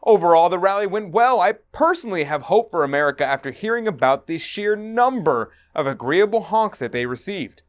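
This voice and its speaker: A man's voice: sits high, lively intonation, brisk, hardly any pauses, soft background music. A man hosting and narrating in an earnest, preachy scripted manner. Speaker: host.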